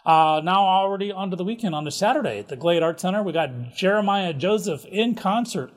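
A man's voice: sits high, lively intonation, brisk. A man hosting a casual local events rundown, chatty and jokey with offhand asides. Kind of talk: casual community calendar rundown.

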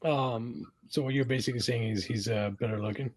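A man co-hosting a casual chat, teasing his partner and pausing often as he thinks. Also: medium pitch, fairly even intonation, darkish tone. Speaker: co-host.

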